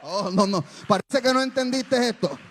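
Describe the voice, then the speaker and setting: A man preaching a sermon as pastor, calling on the congregation to repeat after him and breaking into shouted bursts. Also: very high-pitched, expressive, normal speed, a little hiss or hum. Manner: preaching with sudden shouted bursts and call-and-response.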